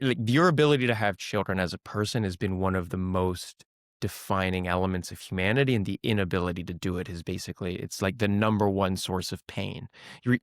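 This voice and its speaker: Man, podcast host, chatty, opinionated, lowish voice, dry recording. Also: dry recording. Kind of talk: interview conversation.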